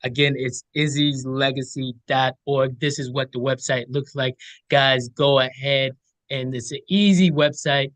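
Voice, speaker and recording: A man's voice: medium pitch, fairly even intonation, a little slow, a bit bright, no room sound, rough recording. A man hosting his own podcast, upbeat and talking straight to the audience, repeating his points. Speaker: podcast host. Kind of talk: casual talk show hosting.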